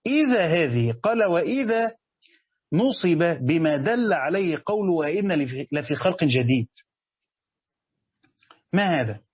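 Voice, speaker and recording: A man's voice: a little high, big pitch swings, normal speed, pauses often, husky, dry recording, lo-fi sound. A man with an Egyptian accent giving a religious commentary lesson, reading passages and then explaining them in everyday speech. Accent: Egyptian Arabic. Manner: reads text aloud then explains it in colloquial speech. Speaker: teacher giving a tafsir commentary.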